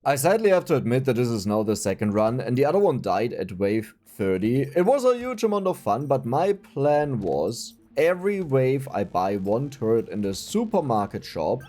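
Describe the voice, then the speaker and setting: A young German gaming YouTuber with a German accent chats casually about a video game, laughing often and poking fun at himself. His mid-range voice is mellow and sing-song at a moderate pace, with faint music behind him.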